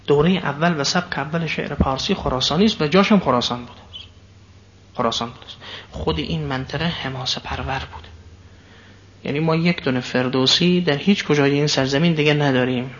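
A man giving a digressive lecture to an audience, stressing and repeating key phrases, sometimes speeding up when animated. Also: mid-range voice. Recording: dull lo-fi sound.

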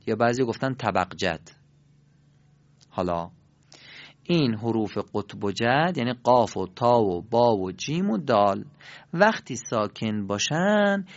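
A dull, lo-fi recording captures a man with a mid-range voice giving a Quran recitation lesson. He models each sound slowly and asks his learners to say it back after him.

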